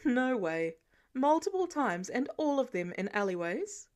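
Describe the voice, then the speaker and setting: A woman's voice: on the high side, very animated, a little slow, darkish tone. A woman voicing a smug, teasing middle-aged billionaire man who drawls and probes dryly. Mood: skeptical. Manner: dry, drawling, probing.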